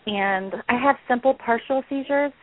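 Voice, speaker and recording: A woman in her thirties calling in to a radio show, asking her question hesitantly with many pauses. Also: on the high side. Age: 30s. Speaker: caller. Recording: dry tinny phone line.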